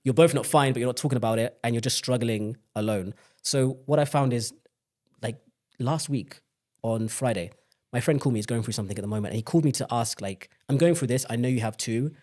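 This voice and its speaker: Young man from the UK, quick talker, candid guest, reflective storytelling. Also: medium pitch, a little mellow. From United Kingdom. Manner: open, reflective storytelling with many restarts. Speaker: podcast guest. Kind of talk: candid personal conversation.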